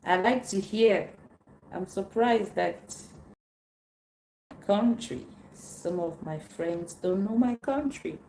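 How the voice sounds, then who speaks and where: Slow, mellow-voiced woman. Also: medium pitch, creaky. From Cameroon. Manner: unhurried, repeats phrases and searches for words. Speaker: livestream host answering viewer questions. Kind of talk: casual live Q&A. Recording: roomy echo, faint background noise.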